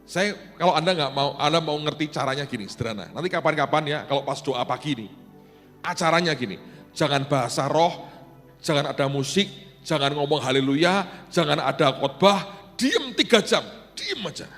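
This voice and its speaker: A middle-aged man preaching a sermon, animated and swinging from loud exclaiming to hushed asides. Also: on the high side, moderate pace. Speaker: pastor. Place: church hall. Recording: long hall reverb with faint music behind.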